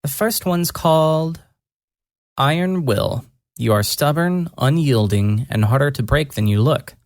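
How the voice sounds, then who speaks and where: For a fantasy audio story, a narrator voices a gentle young mage who murmurs softly and deliberately, earnest with a light tease as she explains something. The mid-range delivery is expressive, recorded in clean studio conditions without echo.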